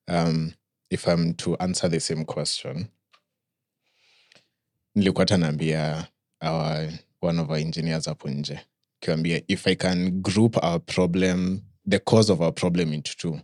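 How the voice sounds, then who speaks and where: A man's voice: low voice, a little mellow, no room sound, clean studio sound. A man with a Kenyan accent moderating a casual panel talk, switching between English and Swahili. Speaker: podcast host and moderator.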